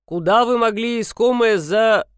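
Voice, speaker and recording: A woman's voice: on the high side, a little slow, clean tone, dry recording, studio quality, lightly acted. A woman doing a curt, pompous old colonel. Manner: curt, self-important. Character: gruff middle-aged male police colonel.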